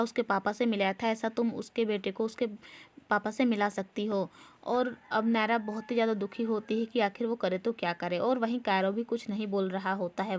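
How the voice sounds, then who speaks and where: A woman casually narrating a recap of a TV serial episode, retelling the scenes in plain everyday words. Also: a little high.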